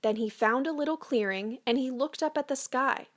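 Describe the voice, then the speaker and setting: A woman storyteller narrating a children's picture book in a measured, expressive read-aloud manner. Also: sits high.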